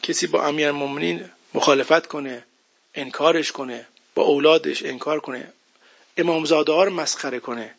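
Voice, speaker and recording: A man's voice: a little high, gravelly, fairly bright tone. A man giving a religious sermon in an emphatic, conversational way, often asking rhetorical questions. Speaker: preacher. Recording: dull lo-fi recording.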